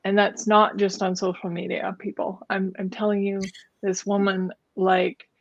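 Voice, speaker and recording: A woman's voice: medium pitch, flat delivery, normal speed, creaky. Gushing woman podcast host, dull sound. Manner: soft and gushing, meditative opening. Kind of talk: podcast interview.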